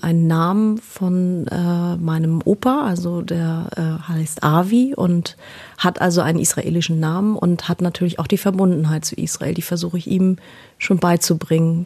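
A woman in her thirties speaks in a low, flat, gravelly voice with a husky edge. She answers interview questions earnestly and pauses often to find her words. Her tone stays warm and mellow throughout. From Germany. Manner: earnest, with frequent hesitations and repeated words. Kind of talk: personal interview.

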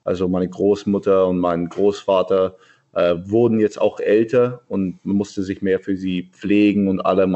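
A young man living abroad, answering an interview in a plain, slightly halting way over a remote call. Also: sits low, mellow. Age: young adult. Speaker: guest, athlete living in the USA. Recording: dull lo-fi remote audio.

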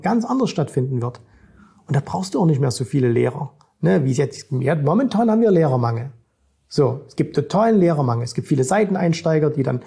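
A man's voice: a little high, creaky, dark tone, breathy edge. A middle-aged man, a finance coach, talking casually to camera and keeps checking in with the viewer. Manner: direct, keeps addressing the viewer with "ne?" and "So.". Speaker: finance and stock-market coach.

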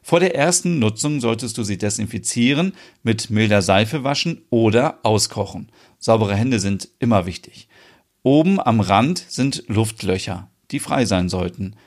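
A man reading a story aloud, voicing a calm, matter-of-fact young woman who explains things patiently. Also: on the low side, unhurried.

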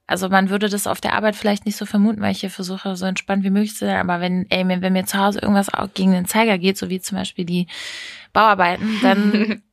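A woman's voice: mid-range voice, level tone, fast talker, vocal fry, no room sound, studio quality. A woman co-hosting a podcast in casual chat, reflective and firm in her opinions. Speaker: podcast co-host.

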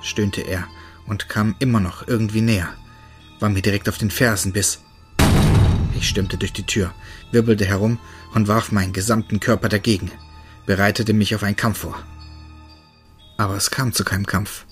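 A man narrating a first-person horror story in a steady, tense manner. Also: lowish voice, normal speed, pauses often, faint music behind.

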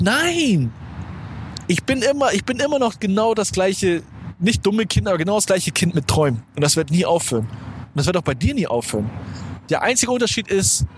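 Young male podcast host, rambling, slangy, a bit high-voiced, out on the street with clear traffic noise. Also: big pitch swings, normal speed. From Germany. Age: 20s. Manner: rambling, slangy, self-correcting. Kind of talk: casual motivational monologue. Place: outdoors on a street near a supermarket.

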